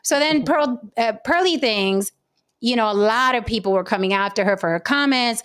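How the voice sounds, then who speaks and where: A woman in her late forties hosting a casual panel talk show, telling stories in a chatty, animated way with many asides. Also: a little high, normal speed, clear, resonant tone. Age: 40s.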